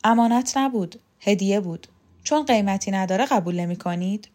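A woman's voice: mid-range voice, a little mellow, lightly acted. A woman reading an audiobook, voicing a poised, dismissive woman with a lightly raised voice. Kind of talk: audiobook character voice.

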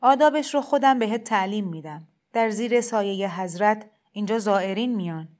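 A woman voicing a gentle, persuasive male shrine cleric in a storybook reading, speaking in a heavy, soft, kindly insistent way. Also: medium pitch, natural voice. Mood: coaxing.

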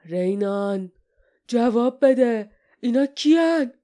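A woman voicing a giant, boastful, cruel male toad monster in an audiobook, talking slowly with a menacing growl. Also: expressive, warm tone, lightly acted. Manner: slow, booming, menacing growl.

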